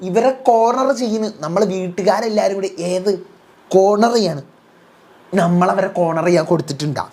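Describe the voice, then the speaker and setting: A woman voicing a male housemate who argues his point slowly and deliberately. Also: medium pitch, warm tone, lightly acted. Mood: reasoning. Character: slow, reasoning male housemate.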